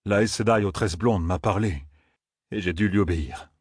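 A man reading an audiobook, voicing a guilty man who pleads defensively in a low voice. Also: normal speed, slightly rough, no echo, clean studio sound. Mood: pleading. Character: sallow, guilty middle-aged man pleading.

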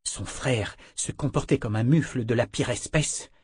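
A man narrating a fantasy novel in a measured reading voice, voicing the dialogue himself. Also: mid-range voice, slightly rough, no room sound, studio quality. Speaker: audiobook narrator.

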